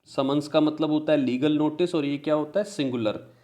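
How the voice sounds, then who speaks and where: A man teaches grammar in Hindi with an Indian English accent, his voice warm and on the high side. He asks questions and answers them himself while reading example sentences slowly.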